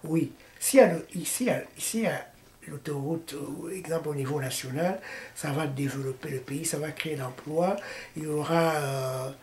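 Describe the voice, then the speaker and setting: A man's voice: a little high, normal speed, a little mellow. Congolese guy answering interview questions, lots of uh and restarts, echoey room, bit of background hiss. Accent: Congolese French. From Democratic Republic of the Congo. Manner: hesitant, many fillers and restarts. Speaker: interviewee, political party founder. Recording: echoey room with faint noise.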